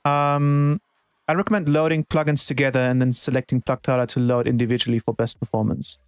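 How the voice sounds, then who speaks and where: A man's voice: medium pitch, level tone, brisk, smooth, dry recording. A man who produces music, chatting casually on a live stream and thinking aloud with many restarts.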